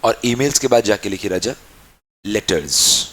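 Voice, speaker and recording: A man's voice: on the low side, expressive, moderate pace, a bit bright. A young man teaching a class, calling students child and dear, and acting out their questions back and forth. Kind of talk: classroom lecture.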